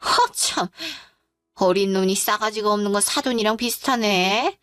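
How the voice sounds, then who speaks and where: A woman's voice: mid-range voice, normal speed, fairly bright tone, no room sound, studio quality, faint music behind, lightly acted. A woman voicing a rude, scornful middle-aged mother-in-law who talks in a blunt, dismissive way in a dramatized story.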